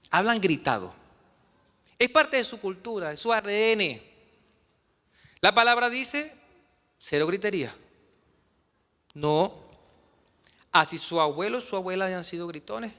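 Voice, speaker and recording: A man's voice: high voice, pushed and bright. A man preaching a sermon as pastor, questioning his congregation in a church. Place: church sanctuary. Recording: reverberant church hall.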